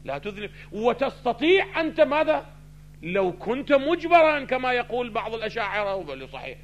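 A man teaching a theology lesson, asking his listeners questions and answering them himself, swinging between loud stressed phrases and quiet asides. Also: high-pitched, a little hiss or hum. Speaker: religious teacher. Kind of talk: theology lecture mixing classical and colloquial Arabic.

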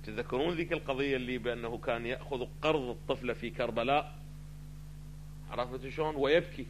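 A man teaching a theology lesson, asking his listeners questions and answering them himself, swinging between loud stressed phrases and quiet asides. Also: mid-range voice, fast talker, noisy background. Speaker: religious teacher. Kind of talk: theology lecture mixing classical and colloquial Arabic.

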